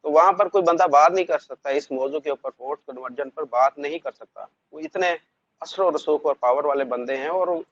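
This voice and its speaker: A man's voice: on the high side, muffled recording. Earnest man. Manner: earnest, measured, frequent hesitations. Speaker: guest from Pakistan. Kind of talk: conversational discussion.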